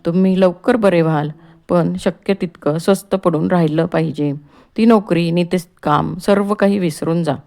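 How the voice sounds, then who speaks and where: A woman's voice: lowish voice, steady tone, moderate pace, vocal fry, dark tone. A woman reading the part of a male doctor who firmly tells his patient to rest. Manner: firm, admonishing. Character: calm male doctor, firm, reassuring.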